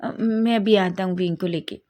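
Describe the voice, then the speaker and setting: Girl reading out a soft coaxing young guy, keeps asking whats wrong, kinda high. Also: fairly even intonation, moderate pace, natural voice. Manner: coaxing, pleading questions. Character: gentle caring young man, fiancé.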